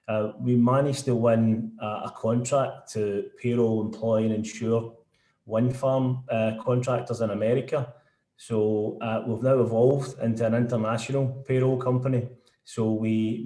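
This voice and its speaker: A mellow-voiced man with a broad Scottish accent from Glasgow presents informally to an online audience. His tone is soft-edged and mid-pitched, and the room echoes around him. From Scotland. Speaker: guest speaker, sales director.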